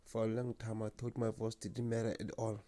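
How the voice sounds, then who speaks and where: The voice is fairly low and mellow, completely flat in delivery, and a little fast, with no room sound. It belongs to a young man from South Africa who stutters, repeating words and blocking, as he talks earnestly and unhurriedly about himself as a channel host. This is personal vlog talk to camera.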